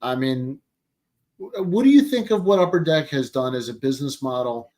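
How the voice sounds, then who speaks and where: A man hosts a relaxed, informal conversation at a medium pitch. He speaks haltingly, often searching for the next word. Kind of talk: casual chat.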